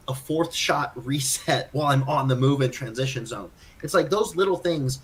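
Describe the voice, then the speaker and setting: A man co-hosting a podcast, chatting casually and thinking aloud about his own game, self-critical and full of restarts. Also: mid-range voice. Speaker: podcast co-host. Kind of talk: casual chat.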